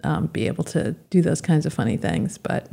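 A woman's voice: sits low, very animated, brisk, creaky, warm tone. A middle-aged woman in a casual conversation, chatting in a rambling way and laughing often. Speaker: guest.

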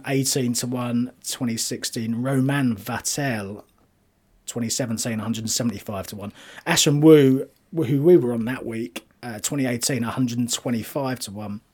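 Bloke doing golf commentary and betting tips, bit husky, chatty but analytical, medium pitch. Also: male voice, normal speed. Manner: analytical, running through statistics and results.

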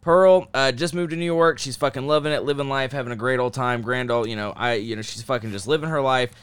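A man's voice: medium pitch, fast talker, a bit bright, clear, resonant tone, no echo. A young man hosting a podcast, telling a case in a laid-back, profane, casual way with many fillers. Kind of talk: casual storytelling chat.

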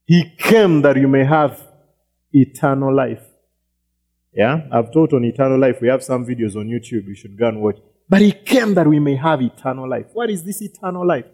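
A man's voice: medium pitch, moderate pace, darkish tone. A man preaching a sermon as pastor, repeating words, often checking "you get it?" and acting out quoted voices.

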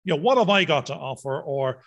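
A man with a fairly high voice talks casually in the role of a mentor. He coaches by voicing imagined exchanges and direct questions. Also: expressive, a little fast, gravelly, a bit bright. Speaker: mentor and interviewer with accountancy background. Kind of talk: casual chat.

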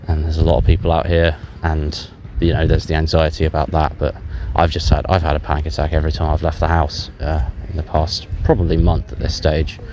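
A man with a very deep voice records a confessional audio diary on a dictaphone. He is subdued and self-deprecating, speaking in halting, candid phrases. The outdoor recording carries some background noise. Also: monotone, a little mellow. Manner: hesitant, halting, candid with frequent long pauses. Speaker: podcast host. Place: outdoors in a public park while out walking. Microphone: handheld voice recorder. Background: outdoor park ambience.

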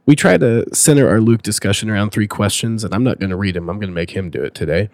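Hoarse male podcast host, voice nearly gone. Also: fairly low pitch, fast, darkish tone, no echo, clean studio sound. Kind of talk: casual podcast chat.

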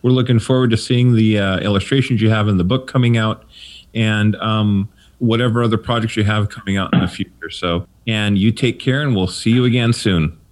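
Guy hosting a podcast, lowish voice, casual interview chat. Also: steady tone, a little fast. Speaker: podcast host.

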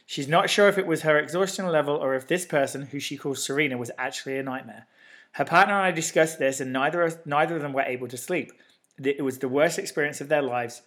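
A man co-hosting a casual podcast, reading posts aloud in a lively way, with a lingering cough. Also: on the high side, fast talker. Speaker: podcast co-host.

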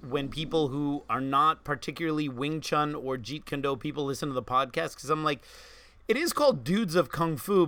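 Bright, dry-sounding male podcast co-host. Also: fairly high pitch, no room sound. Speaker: podcast co-host, martial arts teacher. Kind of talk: casual podcast chat.

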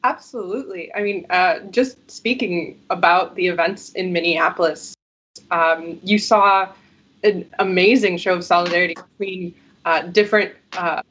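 A woman's voice: fairly low pitch, fairly even intonation, moderate pace, a bit bright, husky, rough recording. A woman speaking on a video call as a panel guest, her audio glitching and cutting out, talking hesitantly with many fillers. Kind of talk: online panel discussion.

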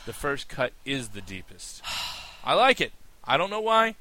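Chatty laid back guy cohosting, bright voice, mid pitch. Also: sing-song, measured pace, dry recording. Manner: easygoing, chatty, laughs often. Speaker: podcast co-host. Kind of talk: casual chat.

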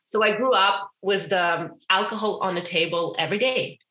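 A woman's voice: mid-range voice, moderate pace, bright, forceful tone, echoey room, slight background noise. A woman in her thirties from Ukraine, a hypnotherapist and interview guest who talks in a chatty way, with fillers like "you know". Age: 30s. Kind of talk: casual interview.

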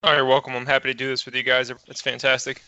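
A man's voice: medium pitch, completely flat delivery, fast, gravelly, sharp tone, no echo. A man chatting casually as the gaming correspondent on a podcast. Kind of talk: casual chat. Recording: dry, slightly lo-fi close recording.

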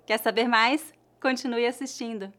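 A woman's voice: on the high side, fairly even intonation. Brazilian woman teaching pronunciation. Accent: Brazilian Portuguese. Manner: clear, deliberate, slows down to model words. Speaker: language teacher. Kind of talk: scripted pronunciation lesson.

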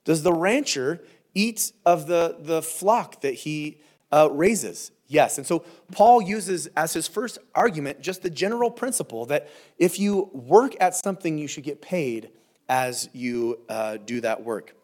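Male pastor, slightly higher voice, teaches scripture verse by verse in a loose, chatty way with folksy asides. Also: expressive, a little slow, darkish tone. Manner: conversational, reads scripture aloud with emphasis; frequent fillers and restarts, folksy asides.

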